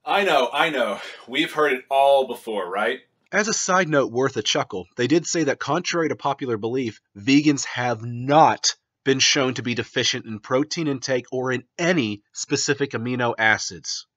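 A man's voice: mid-range voice, moderate pace, a bit bright. A young man on his fitness vlog, reading a scripted commentary with emphatic, blunt asides, filmed on a webcam in a home kitchen. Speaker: vegan fitness vlogger.

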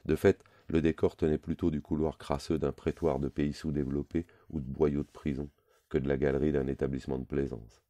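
A man reads a novel aloud in a measured, literary way. His voice is extremely low and dark. The sound is close and dry, with no room around it. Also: flat delivery, no room sound. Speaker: audiobook reader. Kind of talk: scripted narration.

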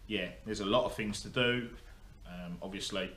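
A young man with a lowish, slightly bright voice speaks at a moderate pace, offering a rambling, casual update full of ums and restarts. He's a motorsport vlogger talking into the camera in front of him. The indoor workshop is echoey, and a faint hum runs underneath.

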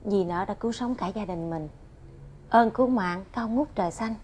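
A woman's voice: medium pitch, moderate pace, darkish tone, slight background noise, lightly acted. An actress playing an earnest, grateful middle-aged mother with a southern Vietnamese accent in a television drama. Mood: earnest pleading.

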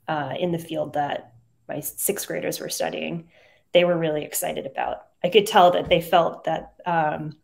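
A young adult woman, a middle school science teacher, giving earnest testimonial answers over a video call, with frequent pauses and "um"s. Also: lowish voice, a little mellow. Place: home room with plain wall. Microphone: video call webcam.

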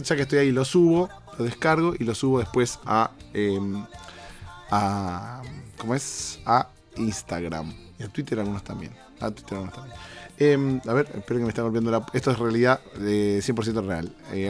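Hoarse Argentine male podcast host, mid-pitched, rambling comic monologue in a hotel room. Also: fast, faint music behind. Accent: Argentine Spanish. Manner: playful, rambling, addresses listeners directly. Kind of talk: casual comedic monologue.

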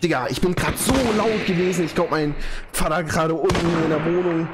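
A young man streaming from home, overjoyed and slangy, his voice trembling with excitement. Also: on the high side, a little fast, background noise. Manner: overjoyed, slangy, constant exclamations. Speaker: live streamer. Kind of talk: excited live stream reaction. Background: music.

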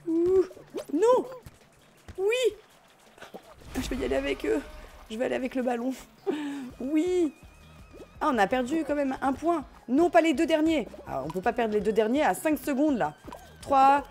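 A young woman streaming a party game, commenting in an excitable, laughing, self-mocking way. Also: high-pitched, unhurried, long pauses. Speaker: gaming streamer. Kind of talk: live let's play commentary. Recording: faint game music behind.

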